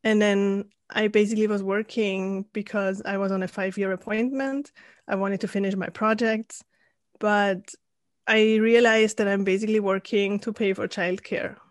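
A woman from Austria, a guest coach, telling her story in a thoughtful interview with frequent pauses and restarts. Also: mid-range voice, fairly even intonation, no room sound, studio quality. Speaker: guest, life and leadership coach. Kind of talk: casual interview conversation.

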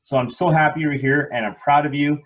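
A man's voice: fairly high pitch, steady tone, brisk, rough recording. A man hosting a podcast interview, upbeat and chatty, often restarting his sentences. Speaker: podcast host. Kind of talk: casual interview chat.

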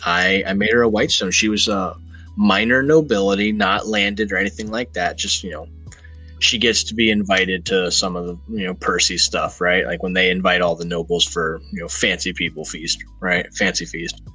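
A man's voice: low voice, steady tone, normal speed, pushed and bright, husky, soft background music. A man hosting a podcast, chatting casually and rambling through jokes and banter. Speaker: podcast host.

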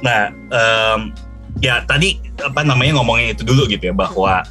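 A man's voice: mid-range voice, moderate pace, pushed and bright, soft background music. A young man, a guest speaker, giving advice in a casual podcast chat and often acting out quoted thoughts.

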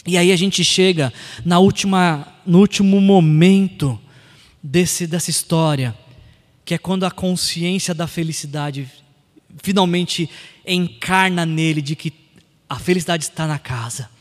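Impassioned preacher in a reverberant hall. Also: male voice, high-pitched, unhurried. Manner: impassioned, building to loud emphatic peaks. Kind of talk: sermon.

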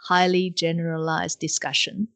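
A woman's voice: deep voice, level tone, normal speed, a bit bright. A woman co-hosting an explanatory podcast discussion, choosing her phrasing carefully and with some hesitation. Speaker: podcast co-host.

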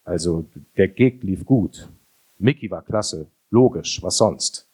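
Man doing a breezy young woman, offhand, cheerful, low husky tone. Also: takes it slowly, a little mellow, heavily acted. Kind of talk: audiobook character voice.

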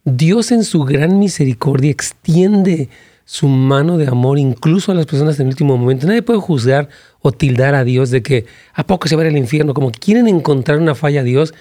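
Mellow-voiced pastor host. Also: male voice, fairly high pitch, moderate pace, no echo. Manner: supportive interjections, preachy asides. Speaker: pastor hosting the interview.

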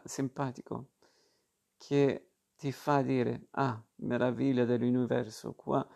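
A man's voice: medium pitch, creaky, dark tone, exaggerated voice. A man reading a proud, teasing father. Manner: declaiming, teasing.

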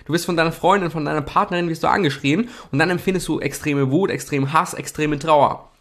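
A man's voice: fairly high pitch, brisk, fairly bright tone. A young man hosting a self-help video, explaining casually while he draws, with slang and many fillers. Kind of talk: casual explanatory talk while drawing slides.

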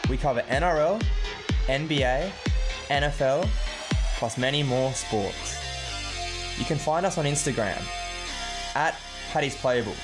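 A man's voice: medium pitch, lively intonation, unhurried, pauses often, over music. Blokey Aussie man hosting, tradie-style matey chat. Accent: Australian. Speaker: sports podcast host. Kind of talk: casual sports chat.

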